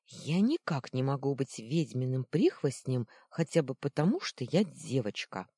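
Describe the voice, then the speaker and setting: A woman narrator voicing a trapped young girl who calls out loudly and protests. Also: big pitch swings, measured pace, slightly rough, no room sound, studio quality, heavily acted. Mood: indignant. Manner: shouting, pleading, high and indignant.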